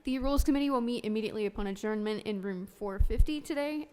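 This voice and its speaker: A woman serves as a legislative clerk, reading formal documents aloud. Her voice sits a little high and she moves through the text at a fast clip. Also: dark tone, clear, resonant tone. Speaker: legislative secretary.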